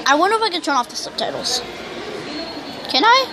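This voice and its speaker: A youngster who can't pronounce R's, saying w instead, rambling loudly through casual gameplay commentary. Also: high-pitched, animated, racing, a crowd in the background, background noise. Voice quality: speech impediment, cannot say R's correctly, says w for r. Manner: rambling, self-described loud talker. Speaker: YouTuber.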